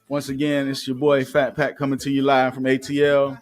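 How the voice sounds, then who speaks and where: Fairly quick and completely flat in delivery, a medium-pitched male host runs a live show from Atlanta. He rambles casually through the news, piling on fillers and restarting often.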